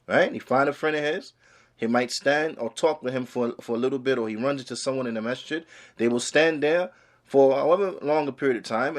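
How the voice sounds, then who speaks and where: Man teaching religion like a preacher. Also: mid-range voice. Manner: like a preacher, exhorting with repeated phrases; switches between English and quickly read Arabic. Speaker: religious teacher giving a class. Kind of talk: Islamic lesson, reading Arabic text and explaining it phrase by phrase.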